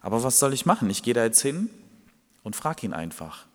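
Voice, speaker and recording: A man's voice: mid-range voice, big pitch swings, a little fast, long reverb tail, a little hiss or hum, lightly acted. Man voicing a flustered man begging for bread. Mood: pleading. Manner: worried, pleading, insistent.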